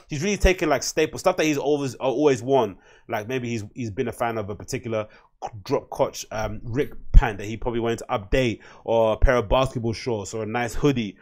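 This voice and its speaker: A man with a medium-pitched, darkish voice hosts a casual solo podcast from a small room at home, speaking into a desk mic on a boom arm. He rambles and chats, reading captions aloud in mock voices.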